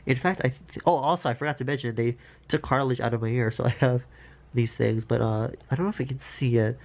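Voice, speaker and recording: A man's voice: mid-range voice, fast talker, darkish tone, highs cut off. A man chatting casually to camera as a vlogger, congested from nose surgery, with playful, campy asides. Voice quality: congested, blocked-nose sound after nose surgery.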